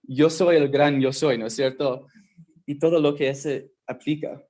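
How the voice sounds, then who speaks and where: Slow, chatty man teaching. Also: mid-range voice, fairly even intonation, darkish tone. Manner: slow, conversational, checks in with listeners often. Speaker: youth Bible teacher. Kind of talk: casual Bible lesson.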